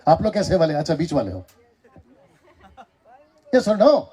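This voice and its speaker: A man with an Indian accent giving a lively sermon in a church hall, teasing the crowd and calling for answers back. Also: a little high, unhurried, breathy edge. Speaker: preacher. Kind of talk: sermon with call-and-response.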